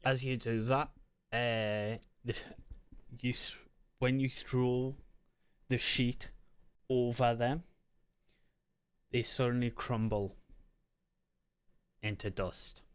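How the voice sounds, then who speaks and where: A man narrating as game master of a tabletop game, describing scenes in a halting, measured way. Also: medium pitch, steady tone, clear, resonant tone, highs cut off.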